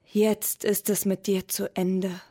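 A woman voicing a tender, sorrowful female moon that coaxes and laments in a raised, drawn-out voice in a storybook tale. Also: medium pitch, level tone, dark tone.

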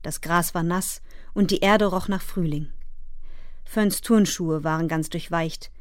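A woman narrating a children's storybook in a calm, even storytelling voice. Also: fairly low pitch, measured pace, no room sound, clean studio sound. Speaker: audiobook narrator.

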